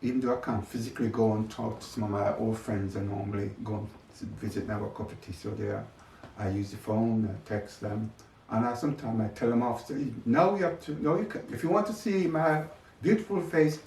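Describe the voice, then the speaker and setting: Talking fairly quickly with hardly any pauses, an older man with a lowish, slightly mellow voice recounts his experiences reflectively in an interview. A distant mic leaves the sound echoey with faint background noise.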